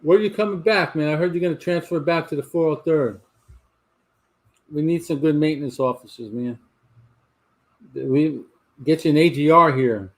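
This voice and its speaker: A man in his sixties with a Southern drawl hosts a casual live cigar show from his garage. His voice sits at a medium pitch. He tells long, meandering stories, stumbling and restarting as he goes. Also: normal speed, long pauses. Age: 60s. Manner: rambling storyteller with frequent restarts. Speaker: host of a livestream cigar talk show. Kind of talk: casual chat to a live audience. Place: home garage.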